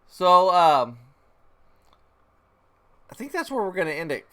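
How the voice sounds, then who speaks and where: A man's voice: sits high, big pitch swings, unhurried, pushed and bright. A tired man co-hosting a casual live stream in an easygoing, rambling, jokey way. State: tired, ready for bed. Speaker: live stream co-host and vlogger. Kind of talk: casual livestream chat.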